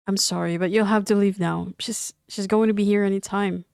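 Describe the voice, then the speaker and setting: A woman's voice: medium pitch, steady tone, creaky, darkish tone, clean tone, dry recording, studio quality, lightly acted. A woman reading as a flustered, firm young woman. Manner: stammering, hurried.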